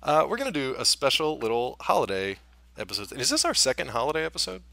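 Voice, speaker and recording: A man hosts a podcast in a loose, joking way. His voice is bright and his pitch swings widely, and he laughs easily between lines. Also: wildly swooping pitch, fast, vocal fry, no room sound. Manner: playful, jokey, puts on a spooky voice for the intro. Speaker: podcast host. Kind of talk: casual podcast chat.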